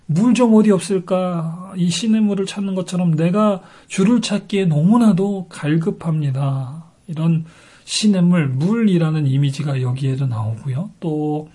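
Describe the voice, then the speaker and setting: A man's voice: a little high, moderate pace, mellow, slightly rough. A male pastor giving an earnest, emphatic sermon to his congregation.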